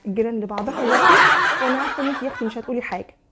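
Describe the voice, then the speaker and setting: Young Egyptian comedienne, high and quick, coaxing and pushy in a comedy sketch. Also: female voice, expressive, loud music behind the voice. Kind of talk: comic one-sided phone-style sketch.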